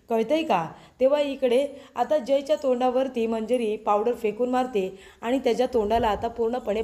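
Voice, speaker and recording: A woman's voice: fairly high pitch, dark tone. A woman narrating a TV serial episode recap in a voice-over, retelling the dialogue with emphatic, scolding delivery. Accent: Marathi. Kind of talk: voice-over recap, reading characters' lines.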